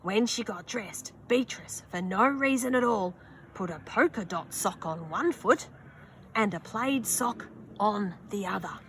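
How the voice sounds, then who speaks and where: Reading a picture book for children aloud, a young woman with a mid-range voice takes it slow and expressive, gasping and making little asides. She's outdoors on a sunny wooden deck, with slight background noise.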